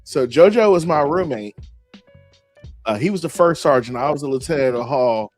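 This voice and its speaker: Over soft background music, this male podcast host talks in a mid-range voice at an even, moderate pace. His casual chat runs on lively, slang-filled storytelling, and he laughs often.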